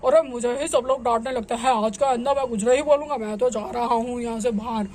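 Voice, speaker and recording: A petulant little boy sulks and declares he is leaving for good, played by a woman. The voice stays moderately high and pouting, with faint noise behind. It sounds like a homemade doll story. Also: steady tone, brisk, a little mellow, natural voice. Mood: sulky. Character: sulky little boy, easily scolded. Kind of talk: doll story role-play.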